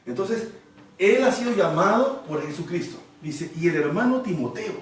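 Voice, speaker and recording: A man's voice: high voice, expressive, moderate pace. A man preaching a Bible study sermon, explaining the text at length and often checking in with rhetorical questions. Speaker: pastor. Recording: echoey room, mic far off.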